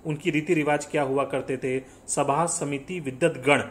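A man's voice: fairly high pitch, steady tone, moderate pace, a little hiss or hum. A man teaching an exam-prep lesson, explaining step by step and asking questions that he answers himself, often mixing in English phrases. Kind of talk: classroom lecture with quiz questions.

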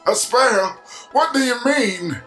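A man voicing an excitable, incredulous young male adventurer in amateur game dialogue. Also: very high-pitched, slow, voice pushed up, exaggerated voice. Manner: incredulous, exclaiming. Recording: game music behind the voice.

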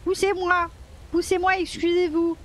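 Playing a video game on stream, a woman jokes around casually, cursing freely and answering back to the characters. Her very high voice has little pitch movement, a slightly slow pace, and a bit of brightness, with a little hiss or hum in the audio.

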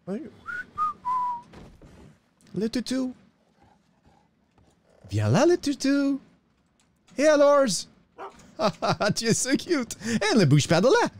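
A man's voice: wildly swooping pitch, slow pace, long pauses, a little hiss or hum, exaggerated voice. A man playing a broke, bumbling cowboy with a put-on accent in a western roleplay, talking theatrically and tacking 'hein' onto his lines. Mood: chatty. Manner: theatrical, sliding pitch, tacks 'hein' on lines. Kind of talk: in-character roleplay.

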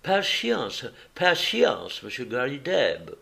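A composed, sharp-eyed detective, as a male narrator voices him, measured and patient. Slow, deliberate storybook delivery with polite precision. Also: mid-range voice, wildly swooping pitch, gravelly, pitched above the performer's own voice, full character voice.

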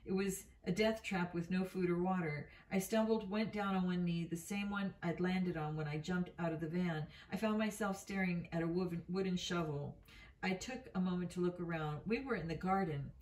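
Here a woman with a lowish, somewhat mellow voice reads a novel at normal speed. The reading is rough, full of slips and self-corrections, and the sound is roomy with the microphone at a distance.

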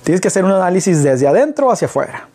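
Very animated and fast, this middle-aged Mexican man speaks in a high, mellow voice with a breathy edge. A business consultant, he sits in a living-room armchair giving casual business talk to the camera, peppering it with rhetorical questions, and the far camera mic captures the sound.

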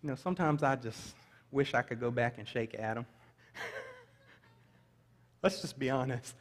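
A man's voice: mid-range voice, expressive, measured pace. A middle-aged man preaching a sermon in a large church sanctuary, reading scripture aloud and adding light asides to the congregation. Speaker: pastor. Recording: long reverb of a large hall.

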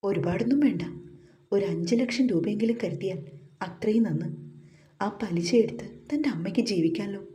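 Mellow woman reading a story. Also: medium pitch, normal speed. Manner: steady, even storytelling. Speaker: story narrator. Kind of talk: scripted story narration.

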